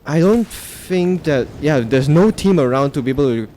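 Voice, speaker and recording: A man giving analytical esports color commentary in a measured way. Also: a little high, expressive, dark tone. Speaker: esports co-caster. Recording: clear game noise behind.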